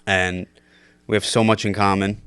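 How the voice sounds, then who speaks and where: A young man in his twenties, a guest on a casual podcast, tells stories in a loose, laughing way full of fillers. His voice sits on the low side with a level tone at normal speed, sounding fairly bright and smooth, in a studio-quality recording with no echo.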